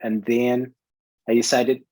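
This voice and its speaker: A man's voice: medium pitch, flat delivery, slow pace, darkish tone, no room sound, rough recording. Venezuelan-born man, dry close voice. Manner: hesitant, many restarts and fillers. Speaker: CTO, interview guest. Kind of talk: conversational interview.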